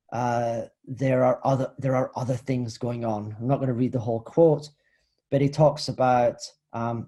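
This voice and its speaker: A man from the Scottish Highlands giving an academic talk over a video call, thoughtful and hesitant, with many fillers and restarts. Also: dark tone. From Highlands of Scotland. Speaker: lecturer. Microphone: video call computer mic.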